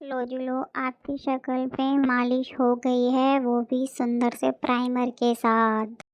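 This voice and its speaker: A woman's voice: high-pitched, level tone, slow, clear, resonant tone, no echo, muffled recording. A young woman giving a sarcastic, exasperated comic voice-over about a beauty visit. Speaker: beauty vlogger.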